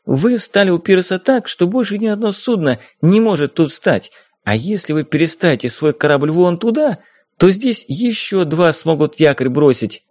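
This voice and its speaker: A man's voice: sits high, animated, normal speed, a little mellow, no echo, pitched above the performer's own voice. A man voicing a pretty, strict young woman who lectures earnestly in an audiobook. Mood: insistent.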